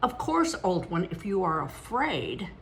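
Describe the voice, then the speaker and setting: A woman in her older years reading aloud as a good-natured one-eyed old man with a high-pitched cackle, in an emphatic, amused manner. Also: very animated, a little slow, a bit bright, slight background noise, exaggerated voice.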